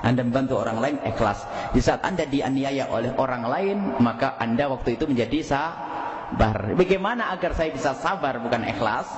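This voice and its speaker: A man's voice: medium pitch, normal speed. A male preacher giving a sermon and answering a question, telling stories animatedly and acting out the voices of the people in them. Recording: roomy hall, dull sound, faint noise.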